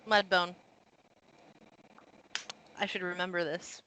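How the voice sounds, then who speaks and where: A woman narrating as game master of a tabletop game, animated and quick with asides. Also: fairly low pitch, a little hiss or hum, low-quality recording.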